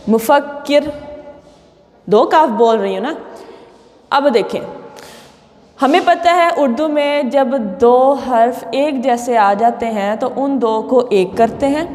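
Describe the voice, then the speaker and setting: A woman's voice: high-pitched, darkish tone. A woman teacher with a Pakistani Urdu accent gives a spelling lesson to young pupils, stating each word carefully and saying it again and again. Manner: deliberate, repeats and stretches each word for pupils. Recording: echoey room reverb.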